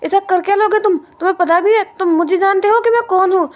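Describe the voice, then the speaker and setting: Here is a woman playing a spoiled, hot-headed young guy from a storybook drama who snaps back at everyone, defiant and sulky. The voice sits very high. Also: fast talker. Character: bratty hot-headed young man, student.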